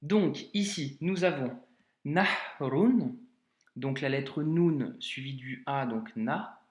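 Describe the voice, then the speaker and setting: A man teaching Arabic reading in a casual video lesson, speaking informally to the learner with many hesitations and slowing down to sound out words syllable by syllable. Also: medium pitch, darkish tone, echoey room.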